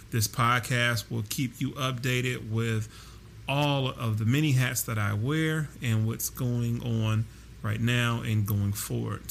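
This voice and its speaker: A man's voice: medium pitch, gravelly. A man hosting a casual solo podcast, talking directly to listeners in a conversational way. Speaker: podcast host and personal trainer. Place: at home with air conditioning running. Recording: constant air conditioner hiss. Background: hissing air conditioner noise.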